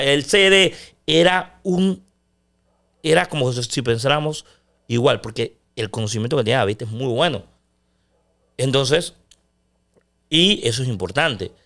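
Loud, intense man. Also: mid-range voice, creaky. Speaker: sports commentator guest. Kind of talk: casual interview chat.

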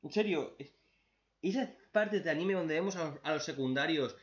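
A man giving a profane, mocking casual recap of an anime episode, mimicking characters in shrill voices. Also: normal speed, lo-fi sound. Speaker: anime reaction youtuber.

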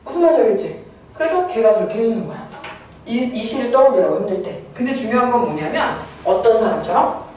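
A woman teaching a poem in a chatty, playful lecture, firing quick questions at her students. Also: fairly high pitch, sing-song, a little mellow, slight background noise. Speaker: Korean literature teacher. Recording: echoey room heard from a distance.

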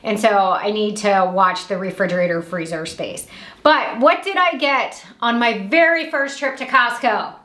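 A woman in her thirties from Indiana, chatting upbeat at home through a grocery haul vlog, with quick asides. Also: mid-range voice, bright, forceful tone, echoey room. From Indiana, USA. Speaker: vlogger. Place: small room at home.

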